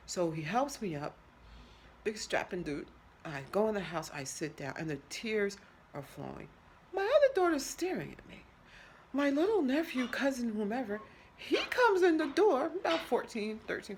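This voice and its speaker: A middle-aged woman telling a story in casual chat, animated, dramatic and profane. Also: medium pitch, moderate pace, slight background noise. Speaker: vlogger.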